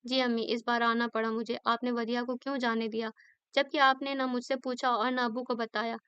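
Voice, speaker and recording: A woman's voice: a little high, level tone, moderate pace, a bit bright, smooth, dry recording, muffled recording, natural voice. A woman reading a curt, weary young man. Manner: blunt, weary.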